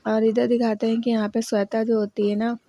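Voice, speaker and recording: Woman narrator, casual serial recap, flat and meandering, mellow tone. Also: on the high side, a little fast, no echo.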